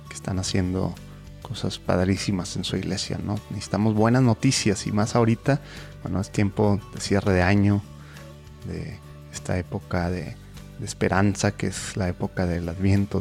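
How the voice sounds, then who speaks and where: Man, very deep gravelly voice, faint music, upbeat podcast intro. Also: steady tone, moderate pace, darkish tone. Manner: upbeat, colloquial. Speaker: podcast host.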